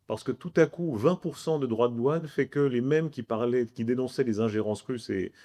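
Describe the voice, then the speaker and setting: A man moderates a public debate in a mellow, relaxed voice of medium pitch. He is articulate and discursive, building long sentences as he links ideas and hands over to panelists. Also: normal speed.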